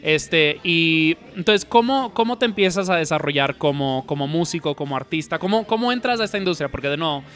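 A man's voice: a little high, lively intonation, a little fast, hardly any pauses, a bit bright, soft background music. A man hosting an interview, chatty, slipping English phrases into his Spanish. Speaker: podcast host. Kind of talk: casual interview chat.

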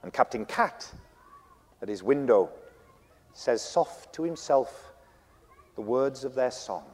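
A man narrating a radio play in a lyrical, measured way. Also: mid-range voice, lively intonation, darkish tone. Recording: long hall reverb with faint music.

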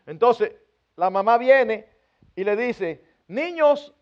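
Animated and very high-voiced, a pastor preaches at a moderate pace, earnestly addressing his congregation while acting out everyday family scenes, including parents scolding children, with humor. The recording is lo-fi.

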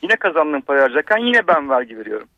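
A man calls in to a radio show on a muffled telephone line. He is fast-talking and aggrieved, stumbling over fillers as he complains. The line sounds dry and dull. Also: fairly high pitch, sing-song, no echo. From Bursa, Turkey. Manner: aggrieved, hesitant, with many fillers. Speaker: radio caller, doctor.

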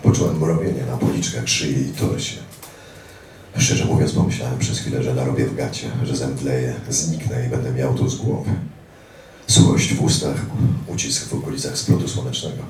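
A very deep, gravelly male voice reads a first-person story with dramatic, profane delivery. His tone is dark, and the sound is distant in an echoey room with faint background noise. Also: fairly even intonation, moderate pace. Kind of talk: reading a memoir aloud.

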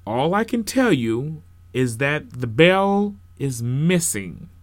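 A man voicing a calm male minister who speaks in a reassuring, measured way to his congregation in a storybook reading. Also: fairly high pitch, no echo, voice pushed up. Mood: soothing. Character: male small-town minister, calm and soothing.

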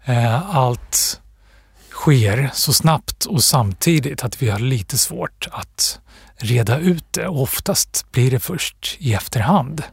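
A man being interviewed as an author, talking reflectively with pauses and restarts. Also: medium pitch, expressive, gravelly, husky, no echo, clean studio sound. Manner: thoughtful, pausing, with restarts and fillers. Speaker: author, guest.

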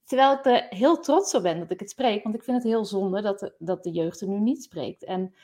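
A woman's voice: mid-range voice, moderate pace, darkish tone. A woman from Groningen hosting a casual interview, friendly and thoughtful, often agreeing.

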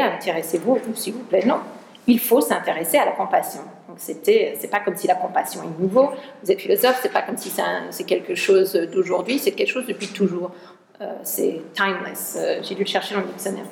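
Researcher lady w/ english-speaking accent, lots of restarts, bit gravelly, echoey hall. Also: medium pitch. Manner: hesitant, many restarts, mixes in English words. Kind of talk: talk with an audience.

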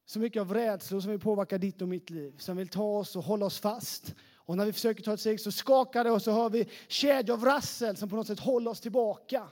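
Speaking in a high voice, a man serving as youth pastor gives young churchgoers an energetic, informal sermon, talking chattily and leaning on lots of fillers.

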